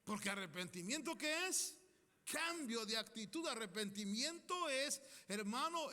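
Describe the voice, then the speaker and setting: A man preaches a sermon in a church hall with a long, ringing reverb. His voice sits high and swings widely in pitch, with a bright, forceful edge. He talks emphatically, leading the congregation in declarations. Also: gravelly. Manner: emphatic, leads congregation in declarations, acts out quoted people.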